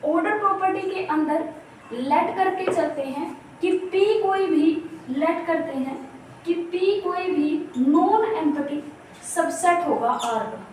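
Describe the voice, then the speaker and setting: A woman teacher explains a math lesson step by step, repeating key terms and asking questions she answers herself. Her voice sits high and her delivery is slow and measured. She sounds set back from the mic in a very echoey room with faint background noise. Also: darkish tone, distant mic. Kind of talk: exam-prep lecture on real analysis.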